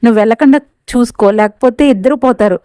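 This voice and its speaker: A sullen young male schemer mutters his defensive excuses, as a woman puts him on in a serial recap. The voice stays fairly high and mellow, with a dry, smooth sound. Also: fast, no echo, natural voice.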